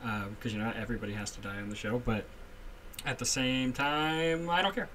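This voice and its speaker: A man's voice: mid-range voice, steady tone, fairly quick, a bit bright, a little hiss or hum. A man co-hosting a casual chat, sounding tinny as if in a tin can, talking with hesitant fillers. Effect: tinny tin-can sounding audio. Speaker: co-host.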